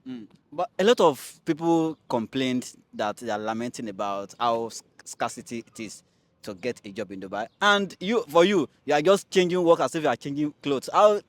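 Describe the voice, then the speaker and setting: A man hosting a casual interview show, energetic, with steady "mm" backchannels. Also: mid-range voice, normal speed, dry recording. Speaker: host.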